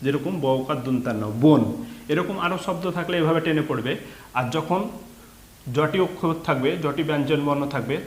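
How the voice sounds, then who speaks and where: A man teaching a beginners' reading lesson, slowly spelling out letters and sounds step by step. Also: on the high side, reverberant.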